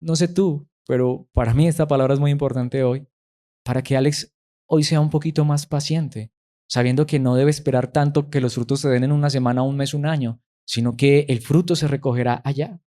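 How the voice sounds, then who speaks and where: A man's voice: medium pitch, fairly even intonation, brisk, mellow. A man preaching a sermon, earnestly asking rhetorical questions and answering them himself. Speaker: pastor.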